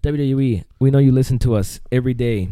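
Dark-voiced man chatting casually on a podcast. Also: medium pitch, quick pace, clean tone, no room sound, clean studio sound. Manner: loose, rambling, says "dude" a lot. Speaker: podcast co-host. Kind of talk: casual wrestling podcast chat.

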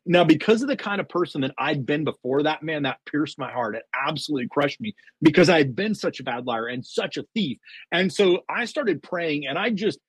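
A man's voice: a little high, fairly quick, slightly rough, dry recording. A middle-aged man, a podcast guest, telling a faith testimony with earnest storytelling, often quoting himself. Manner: many fillers and restarts, excited.

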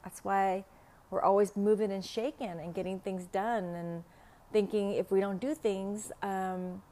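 Here a podcast host and spiritual teacher, a middle-aged woman who grew up speaking Vietnamese, talks casually from a home room in the city. Her accented voice sits at a medium pitch with fairly even intonation, and she speaks slowly, pausing often, using lots of fillers and laughing softly. Traffic passing outside an open window is faintly audible.

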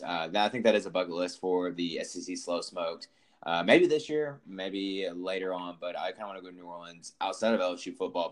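A man hosts a laid-back sports podcast in a very low voice. He asks loose, meandering questions at an easy pace. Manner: easygoing, rambling questions. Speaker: podcast host. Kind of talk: casual sports podcast chat.

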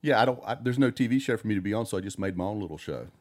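A man's voice: on the low side, lively intonation, rapid-fire, a little mellow. A man speaking as a guest on a casual podcast, easygoing and self-deprecating. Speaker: food vlogger guest. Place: small podcast studio.

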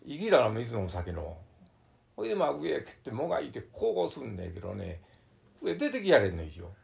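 Older man, Kansai accent, gravelly, lively pitch; survivor testimony told vividly with lots of fillers. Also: fairly quick. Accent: Kansai Japanese, Wakayama dialect. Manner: vivid storytelling with sound words, many fillers. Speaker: flood survivor recounting his experience. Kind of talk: oral history testimony.

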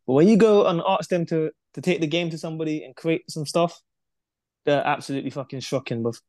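A man with a London roadman accent in casual podcast banter. He talks fast in a fairly high voice, full of street slang and swearing, with a dry, close sound. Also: darkish tone, dry recording. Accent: London, urban street slang. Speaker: football podcast panellist. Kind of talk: casual chat, football banter.

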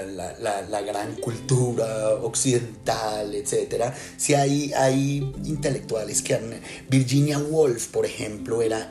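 Hesitant Colombian man, music behind. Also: medium pitch. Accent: Colombian Spanish. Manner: thoughtful, hesitant, many fillers and restarts. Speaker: writer and lecturer. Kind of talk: casual reflective talk.

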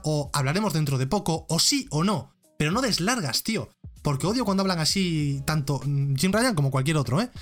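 A man's voice: a little high, fairly bright tone. A man with a Spain Spanish accent hosting a live gaming show, ranting bluntly and swearing freely on a close microphone. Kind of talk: ranting live-stream commentary. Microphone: close desk microphone.

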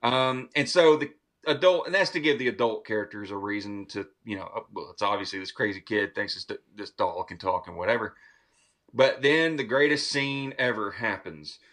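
A man's voice: fairly low pitch, moderate pace, fairly bright tone. A man hosting a podcast, casually and enthusiastically recounting a film's plot with plenty of swearing and laughter in his retelling. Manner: enthusiastic, profane, retells scenes. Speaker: podcast host. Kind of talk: casual movie review chat.

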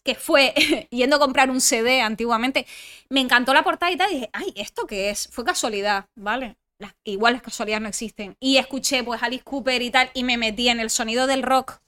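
Bright, chatty woman with a Spanish accent. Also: on the high side, a little fast. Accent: Spanish regional accent. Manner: lively, chatty, talks through interruptions. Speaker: podcast guest, former reality show contestant. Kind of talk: casual interview chat.

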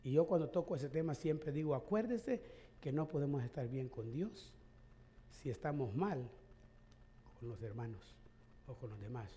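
A man's voice: medium pitch, lively intonation, normal speed, pauses often, mellow, a little hiss or hum. A male pastor in middle age preaching a sermon in a conversational way, with rhetorical questions and light chuckles.

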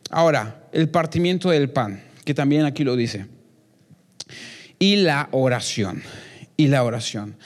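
A man's voice: mid-range voice, animated, unhurried, long pauses. Earnest young man preaching. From Mexico. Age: young adult. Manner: earnest, repeats phrases, frequent restarts. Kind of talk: sermon.

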